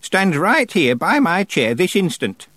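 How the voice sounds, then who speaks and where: A man's voice: high voice, sing-song, a little slow, a bit bright, no room sound, pitched above the performer's own voice, exaggerated voice. Imperious old witch woman, snaps orders in a raised voice; male narrator plays her. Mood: stern. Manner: imperious, snapping. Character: old blind witch woman, stern and sharp.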